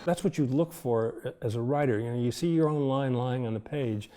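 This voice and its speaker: A man's voice: mid-range voice, fairly quick, warm tone, a little hiss or hum. An older man, a film director, telling thoughtful anecdotes in an interview and chuckling now and then. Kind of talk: reflective interview storytelling.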